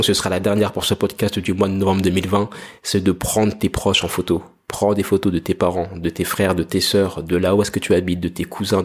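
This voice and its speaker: A man's voice: fairly low pitch, slightly rough. A young French man hosting a podcast, speaking earnestly and directly to the listener in a reflective, motivational monologue. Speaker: podcast host.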